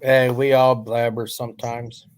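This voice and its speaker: A man's voice: mid-range voice, flat delivery, a little slow, slight background noise. Joking, easygoing man on a stream. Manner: joking, self-described smart aleck, easygoing. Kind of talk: casual live stream chat.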